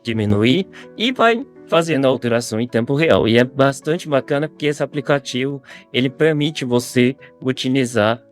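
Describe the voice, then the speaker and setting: A man's voice: medium pitch, expressive, normal speed, few pauses, faint music behind. Brazilian man through a voice changer. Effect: voice changer character filter. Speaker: software reviewer. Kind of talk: casual product demonstration.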